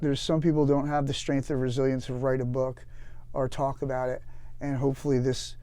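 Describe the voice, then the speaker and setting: Bright-toned, dark-voiced veteran storyteller man. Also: mid-range voice, fairly quick. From United States. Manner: lively anecdote-teller with frequent restarts. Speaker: guest, author and veteran. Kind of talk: casual storytelling interview.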